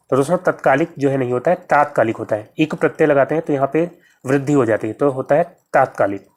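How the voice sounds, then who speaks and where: A man's voice: medium pitch, darkish tone. A man teaching an exam-prep grammar lesson, walking through each question step by step and repeating every answer and spelling.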